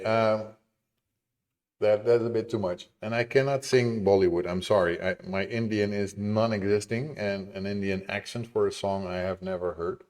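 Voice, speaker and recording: A man's voice: fairly low pitch, a little mellow. A man chatting casually with his live-stream viewers in a chatty, apologetic, easily amused way. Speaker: game dev streamer.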